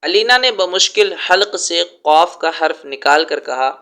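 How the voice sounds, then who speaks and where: A man narrating a scripted story in a measured, plain storytelling way. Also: fairly high pitch, animated, sharp tone, clean tone.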